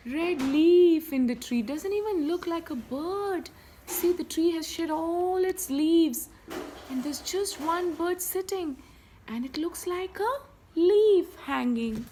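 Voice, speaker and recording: Animated high-pitched woman reading aloud. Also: slight background noise. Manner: animated, gasping, playful with bird calls. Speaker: parent reading a picture book aloud. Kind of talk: reading a children's book aloud.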